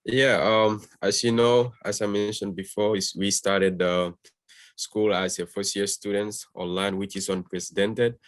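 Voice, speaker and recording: A young man speaks as a student guest. His voice sits very low and stays level, and his manner is calm and courteous. The sound is dry and close, like a video call. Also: unhurried, dry recording. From Gambia. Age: young adult.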